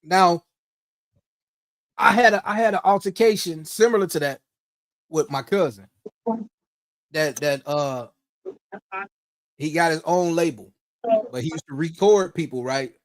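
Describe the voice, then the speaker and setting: A man's voice: on the high side, a little slow, pauses often, dry recording, studio quality. A man from Ohio in casual conversation, laid-back, swearing freely and trailing off into asides. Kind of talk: casual chat.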